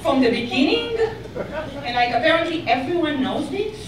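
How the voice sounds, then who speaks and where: A woman from Israel with an Israeli accent doing a stand-up comedy set, deadpan and ironic with bursts of mock outrage. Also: high-pitched, normal speed, a crowd in the background. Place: comedy club stage. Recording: echoey club, mic far away, audience noise. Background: audience laughter.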